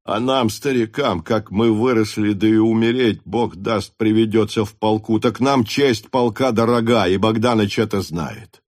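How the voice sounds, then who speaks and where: A male narrator plays an older cavalry staff captain, stern, honest and proud of his regiment. He lectures with earnest reproach in a lowish voice, recorded close and dry. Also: moderate pace, few pauses, darkish tone, no room sound, lightly acted.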